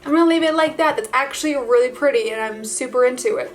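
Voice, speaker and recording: A woman vlogger with a high voice chats quickly and casually to her viewers, bubbly and gushing, like she's giving a makeup tutorial. Soft music plays in the background.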